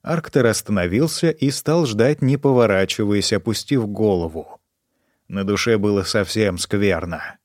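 A man narrating an audiobook in a measured, even reading. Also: on the low side, dry recording, clean studio sound. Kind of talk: scripted narration.

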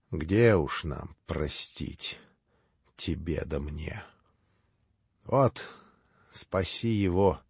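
Guy doing a bitter poisonous young woman, low slow husky voice, muffled sound. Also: no room sound, heavily acted. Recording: dull lo-fi audiobook with faint music.

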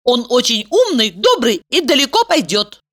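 A woman voicing a stubborn young woman in love, speaking high and defiant. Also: big pitch swings, normal speed, a bit bright. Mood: indignant, stubborn. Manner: high-pitched, indignant, stubborn.

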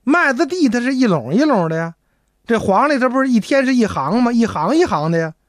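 A male storyteller spins a traditional comic tale and keeps turning to the listeners. His pitch moves in lively swings. The voice sounds close and dry, with no echo. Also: a little fast. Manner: animated, chatty, addresses listeners directly.

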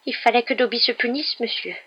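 A woman voicing a small male house-elf with a high, squeaky, humble voice, servile and tearful, in an audiobook reading. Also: brisk, slightly rough, lo-fi sound. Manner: humble, overexcited, sobbing outbursts. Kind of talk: audiobook character voice.

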